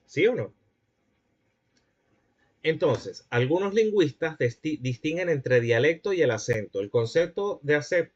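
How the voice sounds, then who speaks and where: Guy teaching a class, mid pitch, kinda muffled lo-fi sound. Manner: explanatory, checks understanding with the class. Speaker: lecturer. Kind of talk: classroom lecture.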